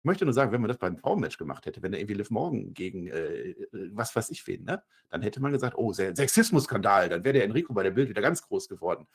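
A man with a slightly husky voice talks through a wrestling show in loose, casual chat. His pitch swings widely, and he turns sarcastic and climbs high when something excites him. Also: fast, few pauses. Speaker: wrestling podcast co-host.

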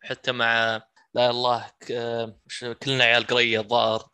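A man's voice: medium pitch, monotone, fairly quick, pushed and bright, clear, resonant tone, dry recording. A man with a Saudi accent hosting a casual podcast chat. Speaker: podcast host.

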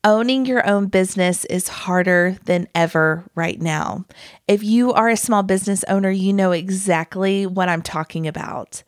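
An emphatic woman podcast host in her thirties with a drawl, talking straight to her listeners as friends. Her voice sits at a middle pitch and is recorded up close with a dry, roomless sound. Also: normal speed, no echo. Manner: earnest, emphatic, addresses listeners as friends and y'all. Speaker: podcast host and small business owner. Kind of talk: scripted solo podcast talk.

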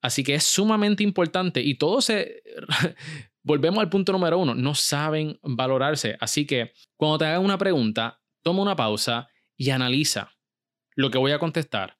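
Man, podcast host, energetic, motivational, medium pitch, dry close sound. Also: normal speed, no room sound. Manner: energetic, addresses the listener directly with questions. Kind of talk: solo motivational business podcast.

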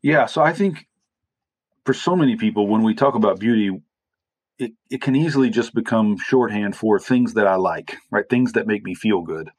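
A man's voice: fairly low pitch, normal speed, no room sound. A man, an author and theologian, talking through ideas in a reflective interview and often checking in with "right?". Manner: thoughtful, qualifying with frequent "right?".

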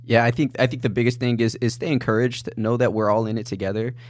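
A man's voice: mid-range voice, steady tone, fast. A man, a podcast guest and a father, speaking humbly and casually with some restarts. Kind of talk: casual interview talk.

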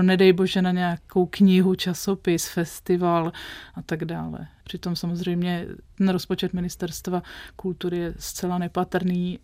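Woman critic, interview guest, thoughtful and searching, flat delivery, close dry sound. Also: on the low side, dry recording. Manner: thoughtful, measured, searching for words. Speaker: literary critic and magazine editor.

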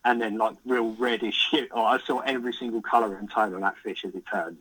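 A young man, a podcast guest recounting a catch in excited, vivid casual chat with the odd swear word. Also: lowish voice, quick pace, slightly rough, poor audio. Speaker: podcast guest, carp angler.

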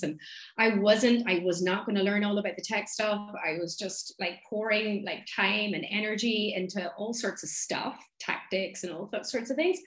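A woman with a Donegal accent from the west of Ireland speaks in an animated, chatty storytelling way. Her voice sits at an average pitch, and the room around her adds noticeable echo. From Donegal, northwest Ireland. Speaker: podcast guest, speaking coach. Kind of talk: casual conversational storytelling. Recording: roomy, echoing sound.

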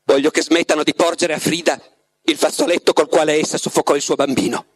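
A man's voice: fairly high pitch, fairly even intonation, fast talker, breathy edge. A man reading aloud, voicing a devoted young woman who is desperate and hesitant, speaking in a raised, faltering voice. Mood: earnest.

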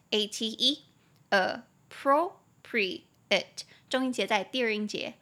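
A woman with a Taiwanese Mandarin accent hosting a solo English-lesson podcast, chatting casually and spelling words out slowly letter by letter. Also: medium pitch, a bit bright. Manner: chatty, opinionated asides. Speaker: podcast host and English teacher.

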